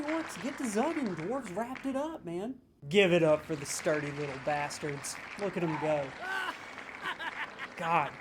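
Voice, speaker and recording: In a high-pitched voice, a man delivers a comic ranking rant, scoring video game voice lines like a judge. He swears, issues mock-serious verdicts and stumbles over excited, stammering restarts.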